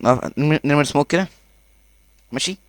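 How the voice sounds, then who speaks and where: Fast-talking Egyptian gamer man. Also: a little high, no room sound. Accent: Egyptian Arabic. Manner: excitable, laughs often, talks to himself. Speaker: gaming YouTuber. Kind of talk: live gameplay commentary.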